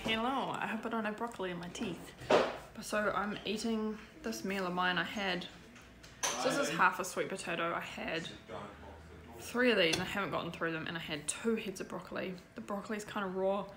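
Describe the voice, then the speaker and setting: A woman's voice: mid-range voice, a little fast. Chatty young woman vlogging. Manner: chatty, says "like" a lot. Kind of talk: casual vlog chat. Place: home kitchen, then outdoors on a bush walk. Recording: faint background noise.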